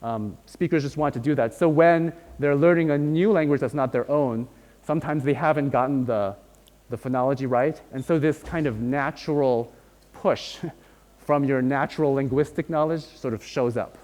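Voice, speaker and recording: A man's voice: medium pitch, moderate pace, a little mellow. Man lecturing in an echoing hall. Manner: explains patiently, checks in often with "right?" and "okay?". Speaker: linguistics lecturer. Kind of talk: university lecture. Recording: long hall reverb.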